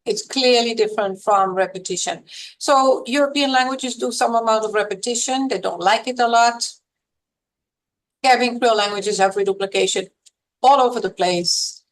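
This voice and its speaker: A woman academic explains a subject as a podcast guest. Her voice sits slightly high, and she talks in a measured, lecture-like way, with small fillers between points. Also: low-quality recording. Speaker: linguistics professor and guest. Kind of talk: explanatory interview talk.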